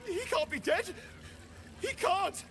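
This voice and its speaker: An actor playing a grief-crazed video game character in frantic, disbelieving mourning. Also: male voice, very high voice, lively intonation, slow, heavily acted. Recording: loud noise over the voice.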